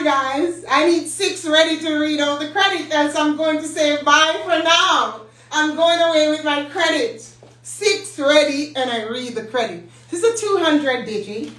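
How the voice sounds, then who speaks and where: A Jamaican woman, a company CEO, hosts a casual live stream giveaway, teasing viewers and laughing often. Her high voice is pushed and bright, captured from a distance in an echoey room.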